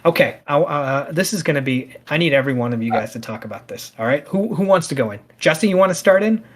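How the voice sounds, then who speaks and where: A man in his thirties hosting a casual gaming podcast, talking in an animated, ranting way. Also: a little high, fast. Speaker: podcast host.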